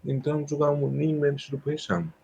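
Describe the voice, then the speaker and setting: A man chatting casually with a teammate during an online shooter, relaxed and rambling in half-finished sentences. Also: on the high side, creaky, crowd noise, poor audio. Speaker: teammate, co-player. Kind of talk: casual chat while gaming.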